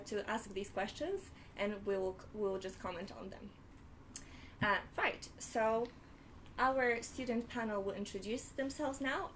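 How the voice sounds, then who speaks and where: A woman's voice: medium pitch, a little hiss or hum. Young woman hosting a student panel. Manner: organised, slightly hesitant with fillers. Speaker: panel host. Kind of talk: hosting a live student webinar.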